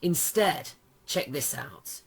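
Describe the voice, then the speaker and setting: A man with a hoarse, worn-out voice and a smoker's rasp, giving chatty, informal commentary on fantasy lore as a video host. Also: on the high side, expressive, slow, fairly bright tone. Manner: chatty, informal, playful asides.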